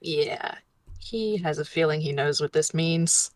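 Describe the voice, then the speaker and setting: A woman's voice: sits low, measured pace. A woman playing a tabletop game, casually explaining what her character thinks and does. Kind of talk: casual chat, describing their character's thoughts.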